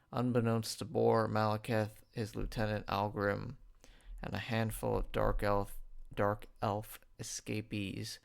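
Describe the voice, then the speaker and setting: Gravelly young man rambling through a review. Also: lowish voice. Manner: loose and rambling, fills with "like" and stumbles over words. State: talking with a dental retainer in. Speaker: radio show host reviewing films. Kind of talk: casual spoken film review. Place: radio studio.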